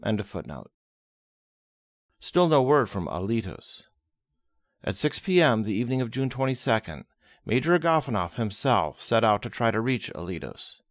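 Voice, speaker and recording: A man reading a history book aloud as an audiobook, expressive and dramatic, closely recorded. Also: mid-range voice, moderate pace, no echo, clean studio sound. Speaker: audiobook reader.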